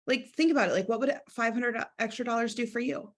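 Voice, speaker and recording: A woman's voice: on the high side, quick pace. A young woman giving a sales training talk, upbeat and chatty, acting out sample scripts as she goes.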